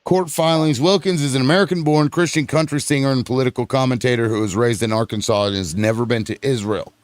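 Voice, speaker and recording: A man's voice: medium pitch, no echo. A man hosts a casual political panel over an online call, stopping and restarting as he looks things up. His voice sits mid-range and sounds dry and close. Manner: halting, looks things up and reads aloud. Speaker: host of a panel show. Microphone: online audio call.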